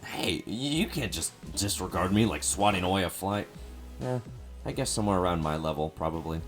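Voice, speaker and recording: Brief: man playing a tired, wry everyman, low voice, casual in a game story. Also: lively intonation, fairly quick, soft background music. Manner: wry, put-upon, casual.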